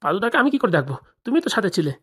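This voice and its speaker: A woman's voice: medium pitch, big pitch swings, racing, breathy edge. A woman voicing an elder in a cartoon comedy, with a fretful, scolding manner. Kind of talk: cartoon voice acting.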